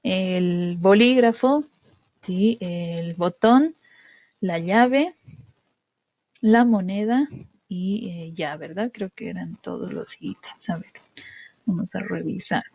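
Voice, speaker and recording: A woman's voice: fairly low pitch, slow pace, vocal fry, pauses often, a little mellow, no room sound, lo-fi sound. A woman demonstrating a test procedure step by step. She often checks in with "¿sí?", uses many fillers, and stresses key sounds. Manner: repeats "¿sí?" to check understanding, with frequent fillers. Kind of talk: instructional walkthrough.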